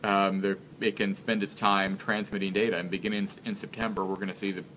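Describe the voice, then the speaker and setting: Earnest, halting man in his thirties. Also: deep voice, little pitch movement, fairly bright tone, a little hiss or hum. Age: 30s. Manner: earnest, halting, searches for words. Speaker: interview guest. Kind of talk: casual live-stream interview.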